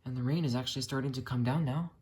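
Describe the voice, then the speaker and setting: A hobbyist video creator speaks fast in a steady, slightly mellow, husky medium-pitched voice from behind a handheld camera. Indoors in a room at home, they give a casual, unscripted show-and-tell, rambling and correcting themselves as they go.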